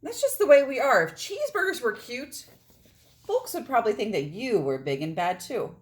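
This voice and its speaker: Casting: woman as chatty storybook wolf, wronged and self-justifying, high-pitched, very lively delivery. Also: normal speed. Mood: confiding, aggrieved. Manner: conversational, theatrically emphatic, aggrieved. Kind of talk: storybook read-aloud, first-person narration.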